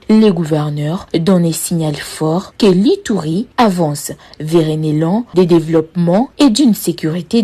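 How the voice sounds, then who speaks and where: Woman, news voice-over, formal and measured, low and mellow tone. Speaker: news reporter. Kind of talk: scripted news narration.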